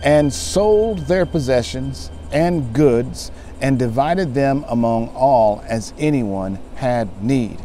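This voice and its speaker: A man in his forties preaching a short devotional sermon straight to camera outdoors, earnest, reading scripture aloud slowly. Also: medium pitch, animated, mellow, slight background noise. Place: outdoors beside a vehicle.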